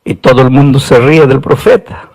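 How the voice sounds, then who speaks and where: A man preaching a sermon, telling a story with feeling, his voice climbing high at the peaks. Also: normal speed, creaky, darkish tone, poor audio.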